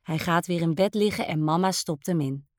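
A woman reading a children's bedtime story aloud, slow and expressive. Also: lowish voice, dry recording, clean studio sound.

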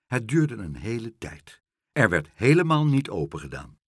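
A man reading a children's story aloud with expressive delivery. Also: on the low side, breathy edge, no room sound, studio quality. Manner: expressive, unhurried.

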